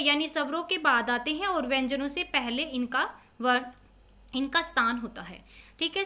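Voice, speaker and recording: High bright-voiced woman teaching a class. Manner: explains step by step, asks questions and answers them herself; says example words slowly and clearly. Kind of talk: online class lesson for children.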